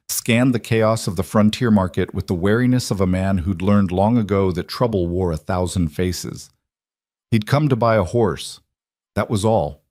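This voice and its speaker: A man narrating a Western story in a steady, dramatic scripted storytelling style. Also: lowish voice, dry recording, clean studio sound.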